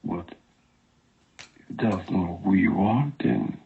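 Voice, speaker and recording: A man speaking through a voice changer on a call, defensive and halting as he pleads his case. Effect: voice changer, unnaturally deep and gravelly. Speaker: caller in an online romance. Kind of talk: phone call. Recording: dull lo-fi call audio.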